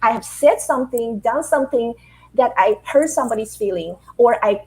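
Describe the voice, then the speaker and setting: This is a middle-aged woman from Taiwan, an author on leadership, replying to interview questions through vivid stories and rhetorical questions. She talks at a normal speed with a slightly high voice, and the audio quality is poor.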